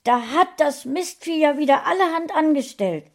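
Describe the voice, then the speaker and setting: A woman's voice: on the high side, expressive, a little slow, warm tone, voice pushed up. A woman voicing an upset middle-aged housewife who keeps scolding her cat, in a storybook reading. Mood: shrill scolding. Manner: scolding, exclaiming.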